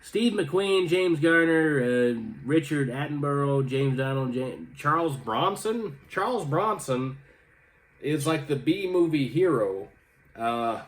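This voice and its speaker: A young man talks casually through viewer comments, wandering off on tangents. He stumbles over his words often, with plenty of ums and restarts. He pokes fun at himself along the way. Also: a little high. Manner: chatty, self-deprecating, full of fillers and restarts. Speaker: host reading viewer comments. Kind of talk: casual rambling chat.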